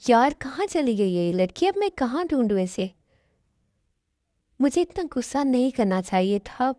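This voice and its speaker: A woman's voice: on the high side, lively intonation, unhurried, dark tone. A woman voicing a hot-tempered young husband who speaks tensely and apologetically in a fan-made dub drama. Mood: worried.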